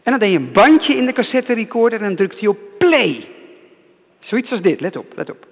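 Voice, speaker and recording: A male pastor giving a lively children's sermon, repeating himself to keep the children's attention. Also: very high-pitched, normal speed, in a large hall, phone-quality sound. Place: church.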